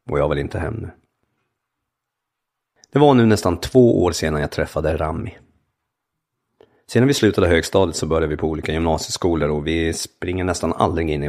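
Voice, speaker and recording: A man with a very low voice reads his memoir aloud in the first person. His tone is gravelly and full of fry. He keeps it calm and measured, in short, plain sentences. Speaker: memoir narrator.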